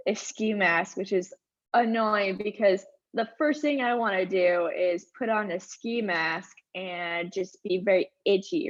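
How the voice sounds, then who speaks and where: A woman with a lowish voice presents a webinar as a conference speaker, upbeat and talkative with frequent asides. Allergies strain her voice a little. The recording is muffled, with no echo.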